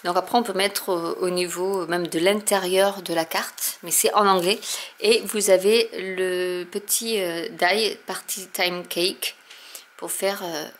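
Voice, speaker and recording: A woman's voice: on the low side, steady tone, takes it slowly, a little hiss or hum. A woman hosting a crafting channel, chatting casually with many fillers as she shows and explains products. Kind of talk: casual unboxing chat.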